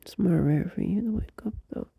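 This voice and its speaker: A male performer plays a tender young boyfriend at night, speaking in a slow, breathy whisper with gravelly fry, close-miked and dry. The voice is high-pitched and exaggerated, the mood tender and sleepy, the drowsy whisper unhurried and broken by small laughs. It's an ASMR audio roleplay where a gentle, loving boyfriend soothes his partner at night.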